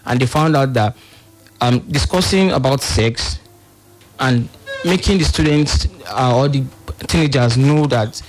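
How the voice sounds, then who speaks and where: A man with a Nigerian accent, appearing as a panel guest on the radio, explains things as a monitoring and evaluation officer, speaking hesitantly and often repeating phrases. His voice is medium in pitch and his pace measured, with faint music behind him and poor audio.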